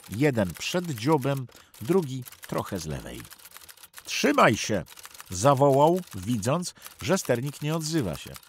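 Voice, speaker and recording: A man's voice: medium pitch, a little hiss or hum. A man giving tense, vivid documentary narration of a sea rescue. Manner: tense, vivid storytelling that acts out the shouted orders.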